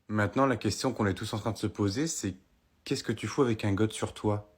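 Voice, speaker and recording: A man acting out several characters in comedy sketches, often shouting when outraged. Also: on the low side, normal speed, slightly rough.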